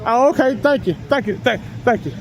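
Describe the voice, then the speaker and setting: High-voiced mocking man filming on a sidewalk. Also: fairly quick, a little hiss or hum, low-quality recording. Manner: mocking, taunting, laughs often. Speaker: citizen filming police. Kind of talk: confrontational street talk. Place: outdoor public sidewalk by a street. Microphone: handheld camera he is filming with.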